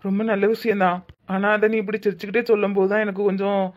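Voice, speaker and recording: A woman voices a kindly older cartoon boss who speaks in a gentle, fatherly way. His Tirunelveli Tamil accent sits at a middle pitch, muffled by lo-fi audio. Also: flat delivery, racing, natural voice.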